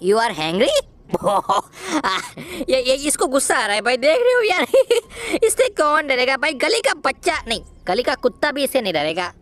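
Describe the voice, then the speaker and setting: A woman's voice: sits high, big pitch swings, measured pace, a bit bright, faint music behind, full character voice. Woman voicing giggly cartoon boy Kanzo. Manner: giggles often, teasing, yelps and wails in mock fright. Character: cheeky giggly young boy playing horror games. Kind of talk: comic gameplay commentary in a cartoon voice.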